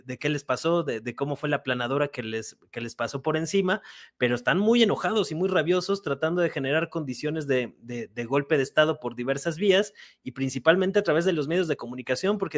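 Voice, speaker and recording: A Mexican man with a slightly raised voice delivers political commentary as a guest journalist. He stammers and restarts often, sprinkling in fillers, while keeping an indignant, critical tone. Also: fairly high pitch.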